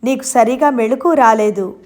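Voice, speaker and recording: A woman narrator voicing a tender, anxious man who speaks gently and in a hushed way in a storybook reading. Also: a little high, normal speed, natural voice.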